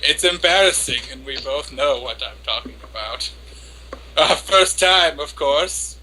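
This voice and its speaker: A man's voice: on the high side, a little slow, pushed and bright, a little hiss or hum, poor audio. A man giving a hammy, theatrical dramatic reading as a lovestruck, flustered and obsessively devoted young anime woman. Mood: coy, embarrassed. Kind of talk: dramatic reading of an internet post.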